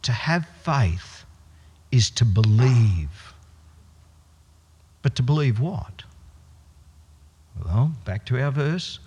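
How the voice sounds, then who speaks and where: A man preaching a sermon in a storytelling way, slowing and dropping his voice for emphasis. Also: mid-range voice, very animated, slightly rough. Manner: storytelling, swings from loud to hushed for emphasis. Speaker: pastor. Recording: echoey hall with long reverb.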